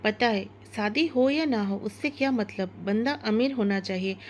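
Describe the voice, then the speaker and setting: A woman's voice: fairly high pitch, moderate pace, slight background noise, lightly acted. A woman voicing a jealous, gossipy young female cook in a storybook narration, in a chatty, grumbling manner. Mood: gushing.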